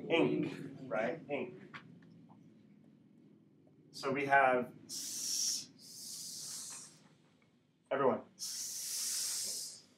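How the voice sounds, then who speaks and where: Male ESL teacher drilling phonics; unhurried delivery, distant mic in a noisy room. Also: medium pitch. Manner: instructional, repeats sounds and checks with "right?". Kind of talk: classroom phonics lesson, slow drilling. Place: classroom. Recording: echoey room, distant mic, background noise.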